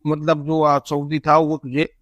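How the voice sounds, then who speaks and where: A young male vlogger tells a story in an easy, chatty way, acting out each side of a conversation in quotes. His voice sits a little high for a man. The sound is dry and close, with no room echo. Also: monotone, a little slow. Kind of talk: casual storytelling vlog.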